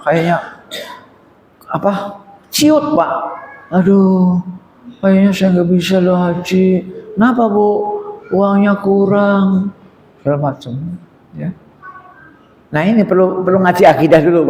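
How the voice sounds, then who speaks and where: Preacher man in an echoey hall. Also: darkish tone. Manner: addresses listeners as "Pak", rises to high emotional pitch when acting out prayers. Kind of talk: sermon.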